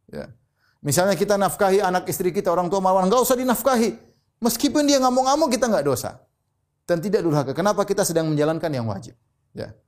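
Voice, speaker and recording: Man preaching, higher voice. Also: a little mellow. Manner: repeats key phrases, reads Arabic quotations slowly. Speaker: Islamic preacher. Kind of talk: religious lecture.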